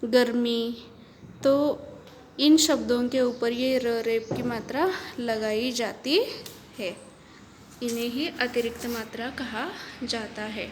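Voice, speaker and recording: A woman teacher with a slightly high voice gives a children's lesson, patiently repeating each point and checking in often with the class by saying "ok." Background noise is present.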